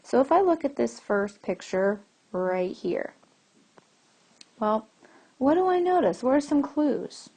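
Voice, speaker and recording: Slow, patient woman teacher. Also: fairly high pitch, expressive, mellow. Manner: slow, patient explaining with questions to the class. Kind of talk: recorded classroom lesson for children.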